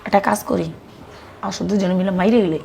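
A woman's voice: medium pitch, a little fast, creaky, warm tone, slight background noise, lightly acted. A woman playing a scheming daughter-in-law. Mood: plotting. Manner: sneering, conspiratorial.

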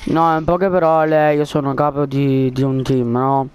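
A man's voice: medium pitch, flat delivery, unhurried, a little mellow, smooth. A man chatting casually over a game headset, rambling with lots of fillers and coaxing a friend during a prank. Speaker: gaming video creator. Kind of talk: casual gaming chat and prank.

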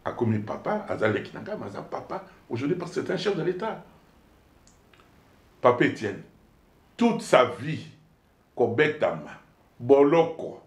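A man with a Congolese accent, a politician being interviewed, telling his story in an animated, emphatic way and switching between two languages. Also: medium pitch. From Democratic Republic of the Congo. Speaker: politician guest. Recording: echoey room.

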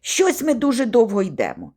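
A woman's voice: fairly high pitch, huge pitch swings, brisk. A woman voicing a frightened, touchy village boy who calls out, snaps and pants as he crawls through a cornfield. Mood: anxious, panting. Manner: yelling, irritable, breathless.

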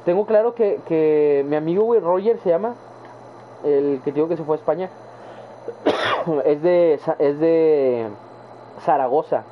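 A man's voice: on the high side, a little slow, pauses often. A young adult man with a northern Mexican accent, chatting casually and rambling in slang to his viewers during a live game stream. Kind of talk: casual chat while gaming live. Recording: tinny phone-like sound with faint background noise.

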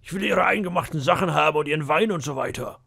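A man voicing a grumbling, impatient pirate boatswain with a gruff, muttering manner. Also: fairly high pitch, fast, pushed and bright, pitched above the performer's own voice, heavily acted. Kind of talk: audiobook character voice.

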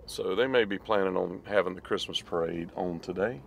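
A male vlog host in his 50s, with a low, gravelly, slightly rough voice and brisk pace, reminisces in relaxed chat in a living room, then narrates while driving a car.

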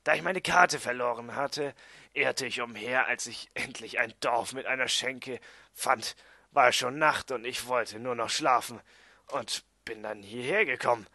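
A man's voice: medium pitch, unhurried, dry recording, clean studio sound. A man voicing a small, irritable male dwarf prisoner in an audiobook. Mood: explaining. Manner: irritable, loud.

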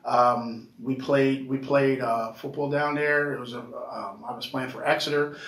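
Man, casual discussion, halting, lots of fillers, earnest, roomy echo. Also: mid-range voice, fairly even intonation, fairly bright tone. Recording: roomy echo, mic at a distance.

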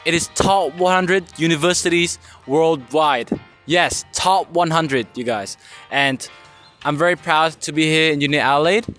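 A man hosting a casual street-interview vlog on a university campus, upbeat and quick to react with surprise. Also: on the high side, fairly bright tone, soft background music. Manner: upbeat, easily impressed, many short reactions. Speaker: vlog host interviewing students. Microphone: handheld phone held out to the guest.

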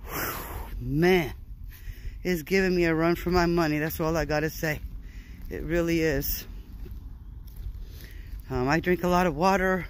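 A man's voice: on the high side, fairly even intonation, a little hiss or hum, low-quality recording. A man vlogging outdoors on a short walk, talking in a weary, frustrated way with sighs and swearing. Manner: weary, frustrated, sighing, profane, drawn-out phrases. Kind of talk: casual vlog talk.

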